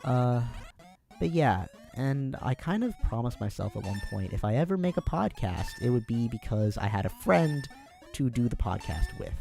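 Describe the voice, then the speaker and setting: A man's voice: medium pitch, gravelly, a little mellow. An American man chatting on his own during a livestream, rambling and self-deprecating with plenty of fillers. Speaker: streamer.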